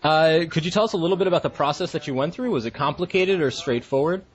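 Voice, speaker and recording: A man acting as interviewer asks short, prompting questions. His voice sits somewhat higher than usual for a man, with a husky edge. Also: fast talker, highs cut off.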